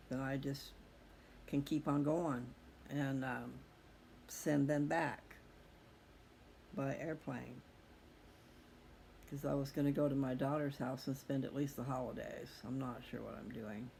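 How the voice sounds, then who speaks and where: A middle-aged man hosting a personal video channel speaks directly to his listeners in a casual, candid, rambling monologue full of reflection. His voice is medium-pitched with a darkish tone, and background noise is clearly audible.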